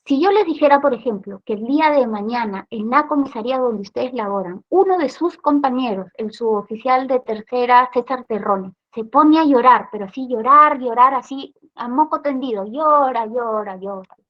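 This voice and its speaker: Woman, Peruvian accent, trainer, lecture, higher pitch, lo-fi sound. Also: lively intonation, normal speed, hardly any pauses. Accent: Peruvian Spanish. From Peru. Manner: tag questions, explanatory.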